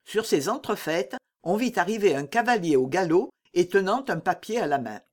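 An audiobook narrator reading a classic adventure novel with expressive, lively storytelling. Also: medium pitch, normal speed.

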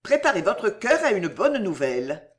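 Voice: medium pitch, very animated, normal speed, a bit bright. A reader voicing an anxious lady of the house who breaks good news in a trembling, agitated voice.

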